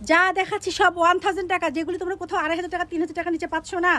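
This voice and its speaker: High-voiced woman selling clothes live. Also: little pitch movement, very fast, a bit bright. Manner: repeats phrases, pushy upbeat selling, mixes English words. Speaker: online clothing seller. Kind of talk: live-stream sales pitch.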